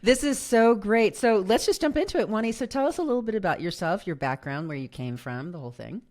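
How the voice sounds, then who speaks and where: A woman's voice: medium pitch, expressive, fast talker, a little mellow. A woman hosting an interview podcast, bubbly and encouraging, with lots of short affirmations. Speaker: podcast host.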